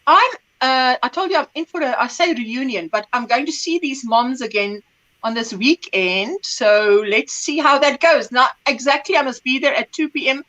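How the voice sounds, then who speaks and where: A middle-aged Afrikaans-speaking woman runs a casual livestream, chatting away, rambling, fumbling for words and laughing often as she reads comments. She speaks at a moderate pace in a high, bright, forceful voice with lively intonation. The recording sounds rough.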